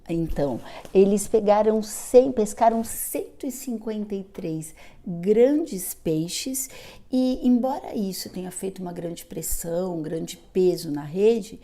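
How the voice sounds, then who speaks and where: A woman delivers a gospel talk at a slow, careful pace. Her voice is mellow and soft-edged, and she explains each point patiently, sometimes restarting a phrase to correct herself. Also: medium pitch. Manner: measured, explanatory, with self-corrections. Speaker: speaker giving a gospel talk at a spiritist center. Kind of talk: gospel exposition.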